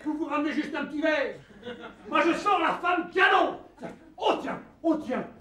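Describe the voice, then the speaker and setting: An actor playing a blustering comic police inspector in a live stage farce, with boisterous exclamations. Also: male voice, very high-pitched, animated, normal speed, pushed and bright, recorded from a distance, a faint crowd, full character voice. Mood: mocking. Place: theatre stage. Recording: roomy stage recording from afar, audience laughter.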